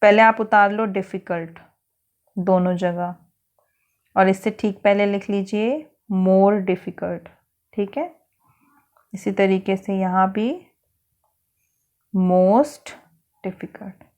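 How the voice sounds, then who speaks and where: A woman's voice: medium pitch, slow, long pauses, a little mellow. A woman with an Indian accent teaching an English worksheet lesson to schoolchildren, speaking patiently and spelling words out letter by letter.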